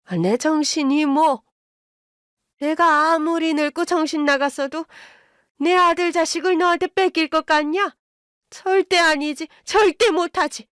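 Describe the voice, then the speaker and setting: Woman playing a shrill furious old mother-in-law. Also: unhurried, a bit bright, dry recording, studio quality. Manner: shrill scolding outbursts. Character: elderly domineering mother-in-law, furious and possessive.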